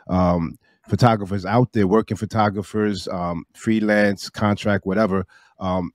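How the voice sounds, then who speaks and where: A man hosting a podcast interview, measured and sprinkling his talk with "um"s. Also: low voice, a little mellow, no room sound, clean studio sound. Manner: measured, many "um"s and backchannels. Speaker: podcast host.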